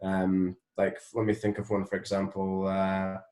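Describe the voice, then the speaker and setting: This interview guest from Scotland, who works as a musician and voice actor, has a deep, slightly mellow voice and speaks at a measured pace with a completely flat delivery. He talks casually and appreciatively, rambling with plenty of "you know". The room echoes noticeably.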